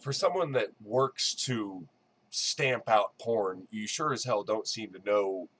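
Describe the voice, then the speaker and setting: Husky, low-voiced sarcastic male commentator. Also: takes it slowly, fairly bright tone. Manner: mocking, sardonic. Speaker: video commentator.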